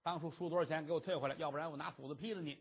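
A man's voice: fairly high pitch, steady tone, racing, husky, voice pushed down. Man playing a tough cleaver-waving aunt, bossy, lo-fi storybook. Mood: menacing. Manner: brusque, commanding. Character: fierce, sharp-tongued aunt who threatens with a cleaver. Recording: dull lo-fi recording.

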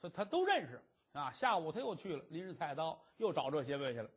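Man storyteller, dramatic narration, lo-fi recording, husky. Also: fairly high pitch, sing-song, fast talker. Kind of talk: traditional storytelling performance. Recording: dull lo-fi recording.

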